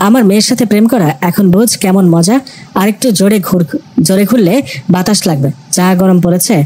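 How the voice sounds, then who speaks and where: A woman's voice: a little fast, warm tone, natural voice. A woman voicing a bossy middle-aged mother who scolds sharply. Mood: scolding. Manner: shrill, scolding.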